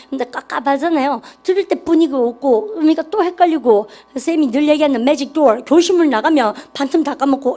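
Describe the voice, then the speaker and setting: A woman's voice: sits high, darkish tone. A woman teaching an English grammar class, encouraging students and leading them through call-and-response drills. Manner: encouraging, repetitive, calls herself 쌤. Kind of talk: classroom lecture.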